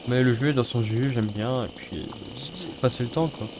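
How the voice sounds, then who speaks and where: A man with a cold, his nose stuffed up and sniffly, hosts a gaming video with casual, sweary, mock-grumbling let's-play commentary. He speaks at normal speed in a mid-range voice. The noisy recording carries a game car engine and rattling mechanical clatter.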